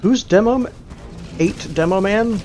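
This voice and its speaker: A man's voice: sits high, measured pace, background noise. A young man streaming a game, chatting casually and joking with playful wordplay. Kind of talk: casual gaming chat.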